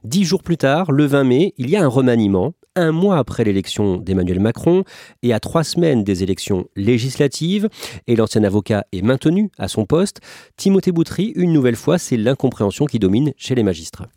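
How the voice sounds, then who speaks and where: A man presenting a news report, reading measured scripted narration and asking a reporter questions. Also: mid-range voice, sing-song, mellow, no room sound, clean studio sound.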